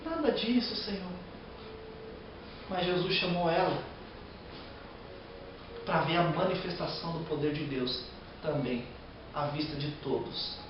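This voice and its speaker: A man's voice: on the high side, fairly even intonation, measured pace, long pauses, lo-fi sound, noisy background. Brazilian male preacher, fervent sermon delivery, distant mic, heavy hall echo. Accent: Brazilian Portuguese. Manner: reads scripture then preaches with emotional outbursts.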